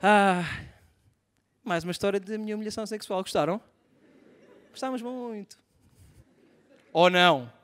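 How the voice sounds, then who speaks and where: A young man with a European Portuguese accent doing live stand-up comedy, animated and self-mocking, swinging from soft asides to loud outbursts. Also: high voice, normal speed, long pauses, a little hiss or hum. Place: theatre stage before a live audience.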